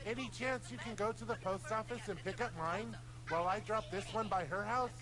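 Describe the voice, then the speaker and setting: Mr. Slave, high lisping cartoon man by an actor. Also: moderate pace, heavy background noise, natural voice. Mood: sweetly pleading. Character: flamboyant leather-clad mustached adult man, polite and needy. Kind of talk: cartoon video game dialogue.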